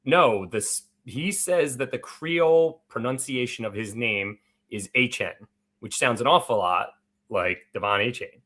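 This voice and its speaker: A man's voice: medium pitch, unhurried, bright, forceful tone. A man co-hosting a live fantasy football draft, chatty and rambling with plenty of filler words. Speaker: fantasy football podcast co-host. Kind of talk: casual live draft chat.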